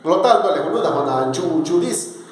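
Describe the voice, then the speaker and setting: A man from southern Mexico, a native speaker of Zapotec, teaching an alphabet in a casual spoken lesson, drawing out syllables and tones slowly. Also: fairly high pitch, animated. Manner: slow, drawn-out syllables and tones. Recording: echoey room with long reverb.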